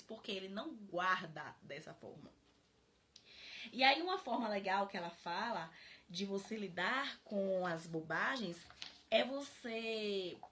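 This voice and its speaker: A woman hosting a live-stream book club, explaining in an animated way and laughing often. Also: fairly high pitch. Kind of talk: casual live-stream talk.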